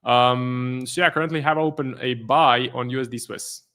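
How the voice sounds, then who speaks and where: A Croatian man hosts a relaxed live trading stream in accented English, reading viewers' questions aloud and answering them as casual commentary. His voice is smooth and medium-pitched, and he speaks at a moderate pace.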